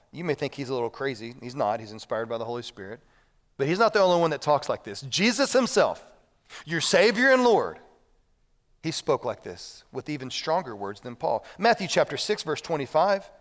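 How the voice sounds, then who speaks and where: A man, a pastor preaching a sermon, moving between hushed moments and loud appeals. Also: mid-range voice. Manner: preaching with big swings between quiet and loud. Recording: long reverb of a hall.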